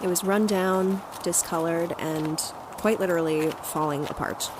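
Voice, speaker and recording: An actress in an audio drama plays a guarded, anxious female field agent narrating her own story in first person, in an anxious, reflective mood. Her natural voice is fairly low, steady and at normal speed, with background noise and music running under it.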